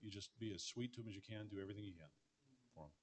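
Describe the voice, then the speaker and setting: Fast-talking pastor man in a reverberant hall. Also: on the low side, husky. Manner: fast, earnest, with frequent restarts. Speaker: pastor answering audience questions. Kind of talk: conference Q&A answers. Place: large hall with an audience. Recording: long reverb of a large hall.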